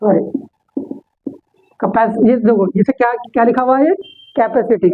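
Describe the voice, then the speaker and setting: A man's voice: very high-pitched, normal speed. A man teaching an English class, explaining step by step and answering his own rhetorical questions. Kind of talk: classroom lecture. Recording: tinny phone-like sound.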